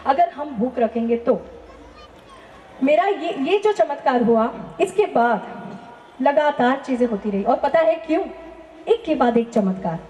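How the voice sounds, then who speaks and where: High-voiced woman giving an earnest testimony. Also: darkish tone, roomy sound. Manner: earnest, emphatic storytelling with rhetorical questions. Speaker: testimony speaker. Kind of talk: personal faith testimony.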